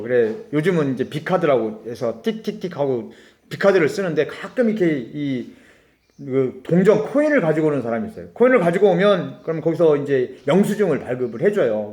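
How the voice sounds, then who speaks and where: A man's voice: fairly high pitch, a little mellow, echoey room. A middle-aged Korean man preaching a sermon as a pastor, telling a story with acted-out dialogue and laughing asides.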